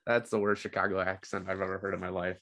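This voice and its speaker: A man's voice: deep voice, level tone, fast talker, vocal fry, pushed and bright. Laid-back young man, casual sports chat. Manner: laid-back, frequent ums and laughs. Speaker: podcast co-host.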